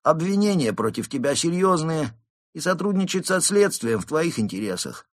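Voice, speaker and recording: A bellowing moose police inspector for a storybook, loud and pushy, always raising his voice to a higher bark, as a male narrator puts him on. The voice stays husky and sits close to a dry mic, each line jumping up with lively swings. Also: normal speed, no room sound. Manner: barking, raises voice to shout.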